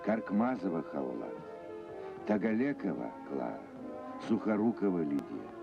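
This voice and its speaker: Male narrator for an old newsreel: deep, formal, measured read over clear music. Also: big pitch swings. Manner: formal, measured official delivery. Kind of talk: scripted documentary narration. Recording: dull lo-fi archival film sound with music.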